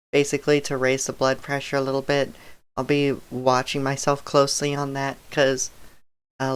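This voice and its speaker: During a casual live stream, a woman with an extremely low voice talks to her viewers while playing a game. She's relaxed and rambling, with soft laughs and a slightly dry, raspy throat.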